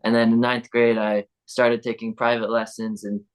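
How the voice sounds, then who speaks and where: A young man of eighteen from Utah is a guest in an interview. He answers in a relaxed, chatty way, with his words running on freely. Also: medium pitch, normal speed, clear, resonant tone. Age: teens. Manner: casual, chatty, laughs between phrases.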